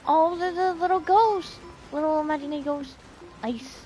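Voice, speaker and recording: A woman's voice: sits high, normal speed, music in the background. A woman streamer chatting casually while playing, reacting and reading chat aloud. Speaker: game streamer. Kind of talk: casual let's-play commentary.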